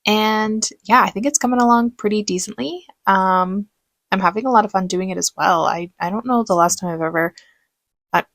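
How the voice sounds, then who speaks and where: A woman giving relaxed voice-over commentary on her painting tutorial, chatty and self-aware. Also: mid-range voice, normal speed, no room sound. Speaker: art tutorial host.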